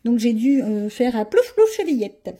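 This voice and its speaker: A woman's voice: a little high, sing-song, moderate pace, warm tone, breathy edge. A woman hosting a coloring channel, chatting casually and showing her pages, grumbling and poking fun at herself. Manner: chatty, grumbling and self-mocking.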